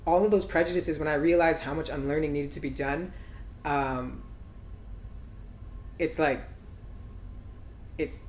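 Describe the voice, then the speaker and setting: A man hosting a podcast, talking through his thoughts in a reflective, halting way with lots of fillers. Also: a little high, fairly even intonation, a little hiss or hum. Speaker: podcast host and musician. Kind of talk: casual conversation. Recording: roomy echo.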